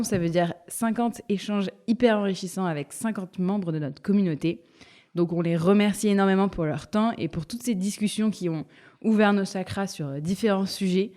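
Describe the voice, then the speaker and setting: A woman's voice: lowish voice, mellow. A woman hosting an interview podcast, introducing her guest in an upbeat, chatty way. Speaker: podcast host.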